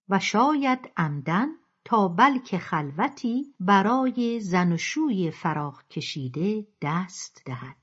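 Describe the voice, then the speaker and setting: Husky woman reading an audiobook. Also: mid-range voice. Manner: steady storytelling delivery. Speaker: narrator. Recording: dull lo-fi recording.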